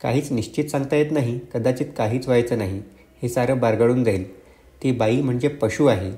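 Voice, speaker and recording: A man's voice: medium pitch, a little fast, mellow, echoey room, lightly acted. A man voicing a dry, ironic young man in an audiobook. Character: cool ironic older brother, young man.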